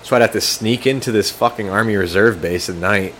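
A man's voice: fairly low pitch, a little fast, a bit bright, a little hiss or hum. A young man telling crude, joking anecdotes in casual chat over drinks. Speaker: guest.

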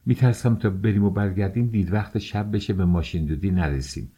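A man's voice: sits low, dark tone, husky. A man reading an audiobook, voicing a wily old servant woman who fawns and wheedles. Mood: wheedling. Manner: fawning, wheedling.

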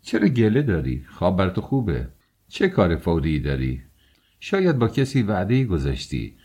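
A man's voice: sits low, huge pitch swings, a little mellow, breathy edge, exaggerated voice. A man voicing an eager, chatty young friend. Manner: eager, talkative, coaxing. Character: cheerful fussing young male friend.

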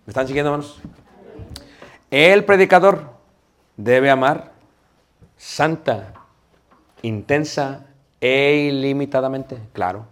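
A man teaches a homiletics class to a church group. He talks in a lively, joking way and keeps calling his listeners brothers and sisters. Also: medium pitch, slow pace, pauses often. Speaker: preaching instructor.

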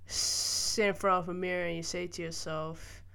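A young Malaysian woman hosts a solo podcast, working through her views in a casual monologue that is thoughtful and hesitant, full of fillers and restarts. Her voice is lowish, level and of normal speed, bright and forceful with vocal fry and a clean tone. She sits in a room by a window while rain falls outside.

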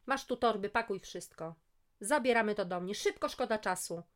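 A woman voicing a loud, bossy middle-aged woman who snaps out orders. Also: mid-range voice, animated, voice pushed up, lightly acted. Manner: shouting orders, brisk.

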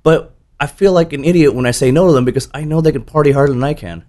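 A man's voice: on the high side, quick pace, darkish tone. A tired man in his thirties, a bartender guest telling stories in a rambling way with many restarts and the odd curse. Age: 30s. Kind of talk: casual interview chat.

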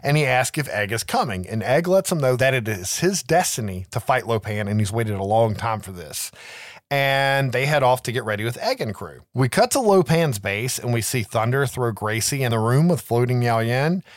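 A man's voice: mid-range voice, animated, moderate pace, dry recording, studio quality. A man hosting a podcast, casually retelling a film's plot with swearing and frequent "right?" asides. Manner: laid-back, swears, keeps adding "right?". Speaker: podcast host. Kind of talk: casual movie recap chat.

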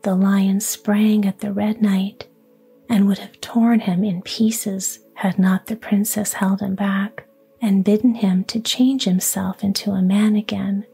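Slow breathy whispering woman. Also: medium pitch, soft background music. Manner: slow, hushed, even storytelling. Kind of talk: whispered fairy tale reading, ASMR.

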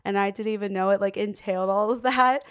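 A young woman co-hosts a podcast, chatting casually and laughing often, with lots of fillers like "um" and "like". Her mid-range voice moves fast with fairly even intonation.

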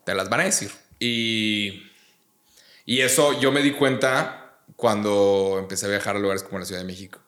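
A man's voice: on the low side, moderate pace, fairly bright tone. Blunt man in echoey room. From Monterrey, Mexico. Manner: blunt, slangy and profane. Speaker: guest. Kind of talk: casual podcast chat. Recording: roomy echo.

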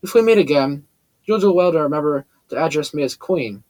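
A man's voice: on the high side, expressive, a little fast, darkish tone, no room sound, close to an everyday voice, low-quality recording. A man voicing a cold, severe adult woman villain who sounds soothing over steely menace, in a storybook reading. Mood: taunting.

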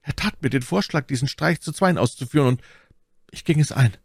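A man's voice: on the high side, fairly quick, vocal fry, breathy edge, no room sound, clean studio sound, voice pushed up. A man reading an audiobook, voicing a terrified, wounded male soldier who begs for his life. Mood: frightened. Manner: pleading, frightened.

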